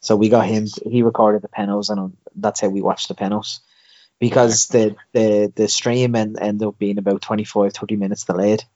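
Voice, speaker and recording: A man's voice: on the low side, flat delivery, brisk, darkish tone, no room sound, muffled recording. A man with an Irish Dublin accent co-hosting a podcast, telling stories in casual, sweary chat. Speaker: podcast co-host.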